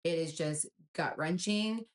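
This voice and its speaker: A woman's voice: sits low, measured pace. A young woman telling a personal story with earnest emotion, in a casual storytime style.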